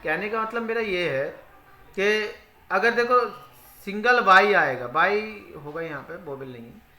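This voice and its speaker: A male English teacher with a high, sharp voice and lively intonation speaks at a measured pace. His spoken grammar lesson covers spelling rules, each repeated in Hindi, with questions he answers himself, in an echoey room.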